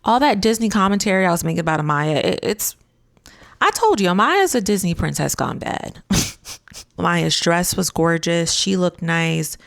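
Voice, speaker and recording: Gravelly-voiced woman recapping with drama. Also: fairly low pitch, animated, moderate pace, no room sound, studio quality. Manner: emphatic, dramatic. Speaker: reality show recap host. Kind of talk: casual commentary vlog.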